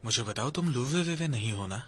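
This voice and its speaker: A man dubbing a young male manager who asks calm, probing questions, over background music. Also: mid-range voice, a little fast, background noise, lightly acted. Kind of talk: Hindi dub of a drama. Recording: music under dialogue.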